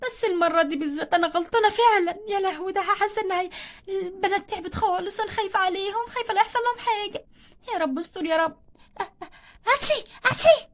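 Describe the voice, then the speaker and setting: A woman with an Egyptian Arabic accent voicing a bossy, stubborn young doll mother in a toy role-play story. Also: very high voice. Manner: scolding, quick-tempered.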